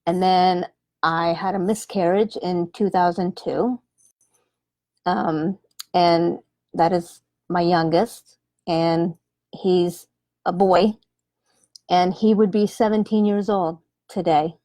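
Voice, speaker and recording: A woman in her forties, a medium on a live stream, speaking gently with many pauses and ums. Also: fairly low pitch, steady tone, dry recording, clean studio sound. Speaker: animal communicator and medium. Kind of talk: live-stream chat with viewers. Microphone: webcam or phone livestream.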